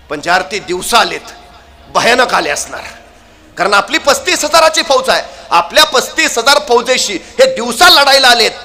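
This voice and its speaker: Animated woman telling a battle story. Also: mid-range voice. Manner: animated, builds to shouted battle cries, playful asides. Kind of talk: dramatic historical storytelling.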